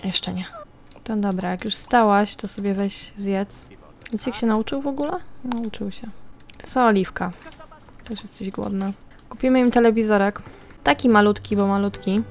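A woman's voice: mid-range voice, a little mellow. Chatty woman narrating her game. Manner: chatty, talks to the game characters and to viewers. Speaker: gameplay commentator. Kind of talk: casual let's-play commentary.

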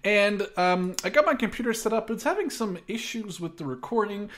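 Bright-toned and high, a man in his twenties runs a gaming video with brisk, expressive, swear-laden banter. He records on a reduced-quality microphone in an echoey room at a new place.

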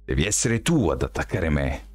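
A man voicing a calm, self-assured young man who speaks in a measured, quietly defiant way, in an audiobook reading. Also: extremely low pitch, no room sound, heavily acted.

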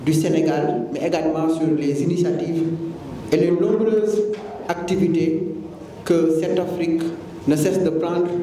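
A man's voice: on the high side, mellow, slight background noise. A man in his forties from Senegal, a business leader giving an earnest, emphatic press conference statement with frequent hesitations, holding a handheld mic in a conference room. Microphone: handheld mic among a cluster of press mics. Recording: roomy hall from a distance.

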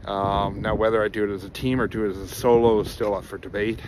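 Out on a winter trail, a middle-aged man films a casual vlog on a phone held at arm's length, speaking earnestly but rambling and filling pauses with ums and uhs. His voice sits on the low side, flat and quick, with background noise around him.

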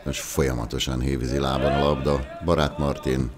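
Casting: bass-voiced male local football commentator, unhurried and reflective. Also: flat delivery, crowd noise.

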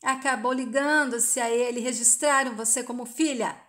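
A woman's voice: a little high, steady tone, moderate pace, fairly bright tone, close to an everyday voice. A woman reading out a stern, scolding older woman. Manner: harsh, lecturing.

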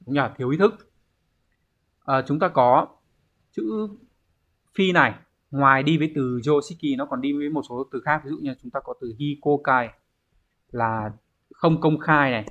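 A man's voice: mid-range voice, moderate pace, pauses often, fairly bright tone. Guy teaching an online class, keeps checking the students follow, kinda dull lo-fi audio. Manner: explanatory, checks in with students often. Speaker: Japanese teacher. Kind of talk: online exam review lesson. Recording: dull lo-fi recording.

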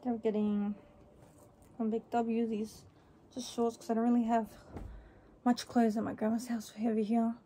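A young woman vlogger, speaking from a small room, chats offhandedly about a haul, rambling somewhat and pausing often. Her delivery is flat at normal speed, her voice fairly high yet dark-toned. Faint noise runs in the background.

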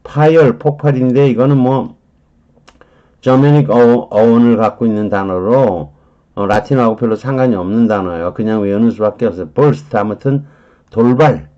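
A man teaching English vocabulary in a lecture, explaining slowly with many drawn-out fillers and reading English phrases deliberately. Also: medium pitch, dull audio.

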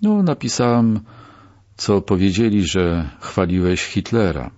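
A man's voice: low voice, sing-song, measured pace, a little mellow, muffled recording. A man voicing a talkative, guilty male prisoner who speaks plainly and apologetically. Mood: sheepish.

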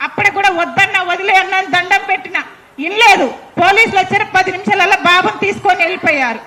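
A woman's voice: very high voice, fast talker, bright, forceful tone, a little hiss or hum. A middle-aged woman, telling an interviewer in urgent, insistent detail what happened to her son. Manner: urgent, insistent retelling, often addressing the listener as sir. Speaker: mother recounting an incident. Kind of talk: emotional spoken account to an interviewer.

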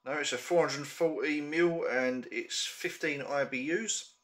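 A man's voice: on the high side, unhurried, a bit bright. A young man chatting casually to camera in a small room as he reviews a beer, hesitant with frequent ums.

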